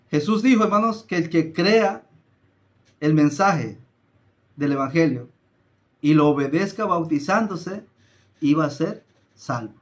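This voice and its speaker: A man preaching a Bible study, slowly stressing his points, often addressing his listeners as brothers and reading scripture aloud. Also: sits high. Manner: slow deliberate emphasis with some filler hesitations. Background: greets a viewer by name, live stream.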